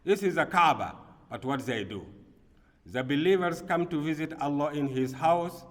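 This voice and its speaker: A man from Burkina Faso giving a Friday sermon as imam, earnest, swinging between quiet passages and emphatic bursts. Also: fairly high pitch, expressive, moderate pace. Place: mosque prayer hall. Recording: long reverb of a mosque hall.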